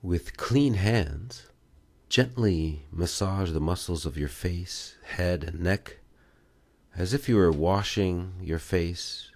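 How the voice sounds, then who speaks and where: A man guides a meditation and self-massage in a measured manner, pausing between short phrases. His voice is low and a little mellow, with no echo.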